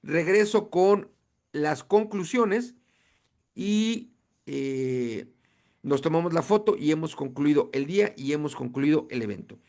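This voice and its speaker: A man moderating an online panel, introducing each speaker warmly and courteously over a video call. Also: on the high side, lively intonation, unhurried.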